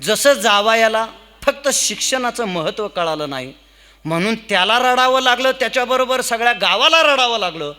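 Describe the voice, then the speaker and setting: A man's voice: very high-pitched, lively intonation, moderate pace, sharp tone. A man preaching a humorous devotional kirtan sermon, telling a village story and chanting verses.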